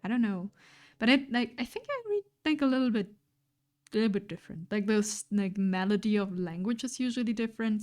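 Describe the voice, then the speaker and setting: Her voice is mid-range with a darkish tone as this young German-native woman chats through a drawing livestream. She thinks aloud, using fillers and restarting sentences, while faint lofi music runs beneath.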